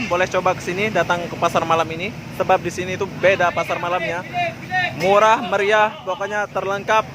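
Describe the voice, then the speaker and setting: High-voiced chatty man in loud street noise. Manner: chatty and informal, often addressing listeners and vendors as boss or brother. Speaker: vlogger, host. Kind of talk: casual walking market tour vlog. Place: busy outdoor night market. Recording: very noisy outdoor street ambience. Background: loud vehicle and street noise.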